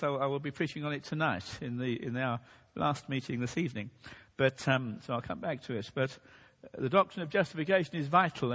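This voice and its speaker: A man preaching a sermon in a measured teaching manner, losing his voice a bit. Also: on the high side, a bit bright. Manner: measured teaching delivery, occasional restarts. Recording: long hall reverb.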